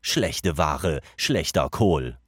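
Spiteful old crone, croaking and hoarse, mutters sing-song; a man voices her in a storybook reading. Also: very deep voice, animated, extremely slow, no echo, clean studio sound, pitched below the performer's own voice, exaggerated voice. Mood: mocking. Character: croaking old female herb witch, spiteful.

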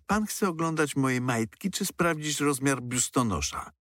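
Bold teasing young woman, put on by a male audiobook reader, raised pitch, dry sound. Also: very animated, unhurried, fairly bright tone, no echo. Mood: indignant. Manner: teasing, brash.

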